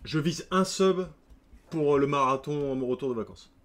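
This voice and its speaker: A man's voice: fairly high pitch, moderate pace, fairly bright tone. Chatty male game streamer. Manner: chatty, joking asides to chat. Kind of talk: casual live-stream commentary.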